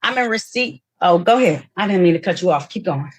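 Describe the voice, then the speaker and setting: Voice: medium pitch, expressive, brisk. A judge running a hearing, speaking formally and procedurally with frequent ums, captured on a courtroom recording.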